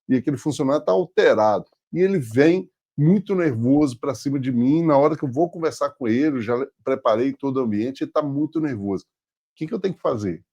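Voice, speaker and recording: A man from Brazil hosting a relaxed interview show. His voice is mellow and a bit husky, and his questions wander with restarts before he lands them. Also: medium pitch. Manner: loose, rambling questions with restarts. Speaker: podcast host. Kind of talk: casual interview chat.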